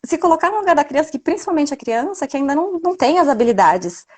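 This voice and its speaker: A woman's voice: high voice, expressive, fast, a little mellow. A mother talking reflectively in a casual live video chat, often ending her points with a tag question.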